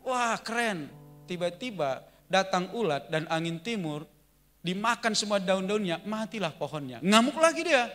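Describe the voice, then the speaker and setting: A man's voice: high voice, a bit bright. A male pastor preaching in a church, telling the story with humor and asking the congregation questions. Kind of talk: sermon. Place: church sanctuary.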